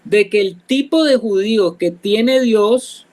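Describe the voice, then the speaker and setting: A Colombian man with a notably high voice leads a church Bible study. He explains each verse patiently and keeps putting questions to his listeners. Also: slow, darkish tone, low-quality recording. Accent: Colombian Spanish. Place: church, class also joined online.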